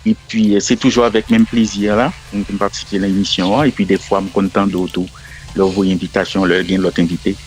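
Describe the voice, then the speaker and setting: A middle-aged Haitian man speaking French with a Haitian accent, explaining himself as a radio guest in a measured way full of fillers. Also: low voice, level tone. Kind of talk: casual radio interview. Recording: faint music in the background.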